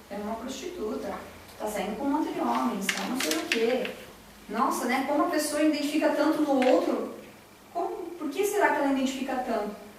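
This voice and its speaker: A woman gives a heartfelt spiritual lecture, mixing personal stories with direct appeals to her listeners. Her voice sits high, and it is caught from a distance in a strongly echoing hall. A faint hiss lies under the whole recording. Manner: earnest, personal storytelling, audience-addressing. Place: large echoey hall, recorded from afar.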